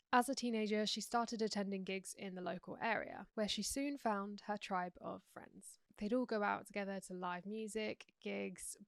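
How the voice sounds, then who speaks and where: A young Englishwoman with a croaky sore throat, hosting a true crime podcast in an earnest, chatty way. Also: medium pitch, dry recording, studio quality. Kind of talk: casual true crime narration.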